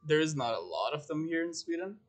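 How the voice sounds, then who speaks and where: A man's voice: fairly high pitch, big pitch swings, quick pace. A man in his twenties from Chile, a chef answering casually as a podcast guest, easygoing and brief. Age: 20s. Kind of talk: casual interview.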